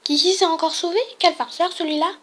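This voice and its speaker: Girl doing a sweet soft schoolgirl, high friendly voice. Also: steady tone, brisk, a little hiss or hum.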